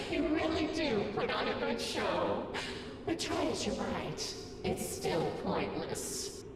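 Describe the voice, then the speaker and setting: An actress playing a mysterious, coaxing female villain in a video game, with a calm, taunting, softly pleading manner. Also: a little high, slow pace, pauses often. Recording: long echoing reverb, background noise.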